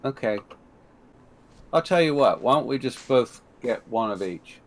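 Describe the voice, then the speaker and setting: A man's voice: mid-range voice, animated, measured pace. A man playing a tabletop role-playing game casually, with somewhat stiff, formal phrasing.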